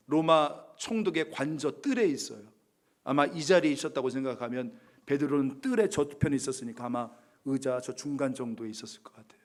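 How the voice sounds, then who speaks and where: A male pastor preaching a dramatic sermon, swinging from hushed near-whispers to loud, emphatic appeals, in a church sanctuary. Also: mid-range voice.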